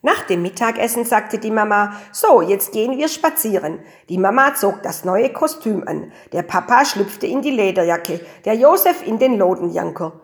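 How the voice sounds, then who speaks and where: A woman reading a children's story aloud with lively, expressive storytelling. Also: medium pitch, normal speed, few pauses.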